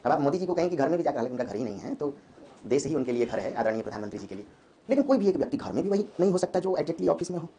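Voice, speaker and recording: कक्षा में हिंदी साहित्य पढ़ाता एक पुरुष शिक्षक, जो बार-बार छात्रों से सवाल पूछता है।. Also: male voice, on the high side, a little hiss or hum. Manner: lively, quizzes students with quick questions. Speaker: Hindi literature teacher. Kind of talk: classroom lecture. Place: classroom.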